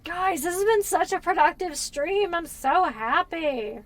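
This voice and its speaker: A woman from Pennsylvania who has a Californian accent chats casually and rambles while streaming a game. Her voice is very high and a little slow.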